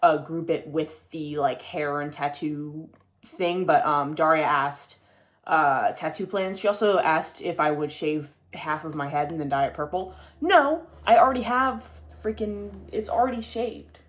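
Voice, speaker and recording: A man's voice: on the high side, a little slow, a bit bright. A young man hosting his own video podcast, chatting casually to a camera in a rambling way and swearing now and then. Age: young adult. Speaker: podcast host. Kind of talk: casual solo video chat. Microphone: talking to a camera.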